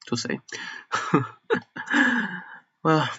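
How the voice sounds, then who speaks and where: Slow, thoughtful man, native Mandarin speaker. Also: a bit bright, no echo. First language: Mandarin Chinese. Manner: unhurried, searching for words, self-deprecating. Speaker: video creator explaining a language. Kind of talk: casual spoken lesson. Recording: slightly dull lo-fi recording.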